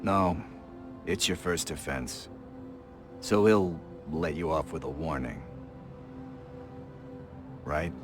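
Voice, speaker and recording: An actor playing a gruff, middle-aged veteran police officer in a video game, lecturing in a stern, fatherly way. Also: very deep voice, slow pace, long pauses, over music. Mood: gentle.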